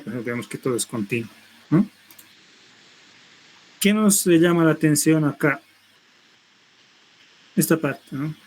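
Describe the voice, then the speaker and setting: A man's voice: mid-range voice, a little mellow, breathy edge, poor audio. A middle-aged man teaching a university seminar, explaining step by step and tagging his phrases with a questioning "no?". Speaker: linguistics lecturer.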